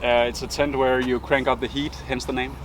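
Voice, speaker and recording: A young man chatting casually in a vlog about his training day, relaxed and hesitant with frequent ums. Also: medium pitch, fairly quick, echoey room. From Denmark. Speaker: professional triathlete vlogging. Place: outdoors near roads. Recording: outdoor traffic noise.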